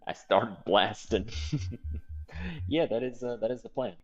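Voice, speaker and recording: Live gameplay commentary and chat-reading come from a man from Portugal with a South African-tinged English accent, casual and profane and given to sudden loud surprised yelps. His voice is medium-pitched and unhurried, with the highs cut off.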